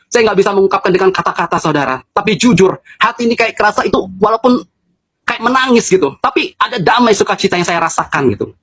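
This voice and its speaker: Fast-talking man telling a personal testimony. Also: high-pitched, a bit bright, husky. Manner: earnest and conversational, often addressing listeners as brothers and sisters; casual spoken fillers throughout. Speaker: person giving a religious testimony.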